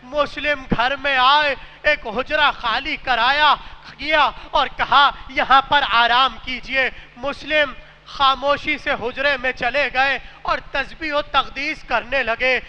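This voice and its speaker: A man preaching a mourning sermon, telling a sad story softly and then rising into loud, wailing cries. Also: very high voice, steady tone, smooth, lo-fi sound. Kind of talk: majlis sermon, recited with rising lament. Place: large mosque hall. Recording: echoey hall with faint noise.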